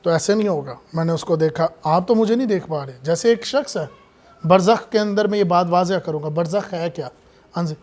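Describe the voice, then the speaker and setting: A man preaching a sermon, swinging from hushed asides to loud, impassioned lines with many rhetorical questions. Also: high voice.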